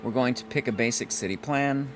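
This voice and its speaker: A hoarse man casually commenting on his gameplay as a let's play host, thinking aloud and correcting himself. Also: medium pitch, brisk, background noise.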